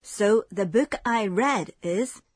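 A woman hosting a language lesson, giving clear, measured scripted explanations. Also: medium pitch, lively intonation, dry recording, clean studio sound.

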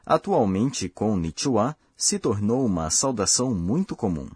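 A man hosting a language course, giving slow, careful, scripted explanations. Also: lowish voice, big pitch swings, darkish tone, slightly rough, no room sound, clean studio sound. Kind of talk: scripted lesson narration.

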